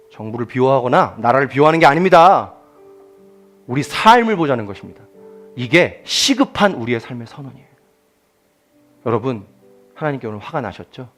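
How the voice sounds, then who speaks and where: A man preaching a Sunday sermon as pastor, moving between quiet confiding asides and loud emphatic declarations. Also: medium pitch. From South Korea.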